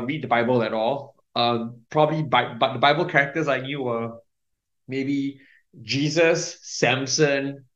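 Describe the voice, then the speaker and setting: A man's voice: mid-range voice, fairly bright tone. Rambling man in a roomy room. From Singapore. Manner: rambling, many fillers and restarts, laughs often. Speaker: guest. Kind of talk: casual testimony. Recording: roomy, dull lo-fi sound.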